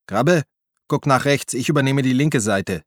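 A man voicing a brash male police officer in an audiobook, barking orders and shouting. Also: medium pitch, normal speed, no room sound, clean studio sound, pitched above the performer's own voice, close to an everyday voice. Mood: commanding. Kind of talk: audiobook character voice.

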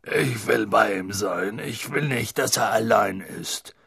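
A man voicing a big, gentle and loyal male groundskeeper in an audiobook. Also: lowish voice, takes it slowly, creaky, slightly rough, exaggerated voice. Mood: pleading.

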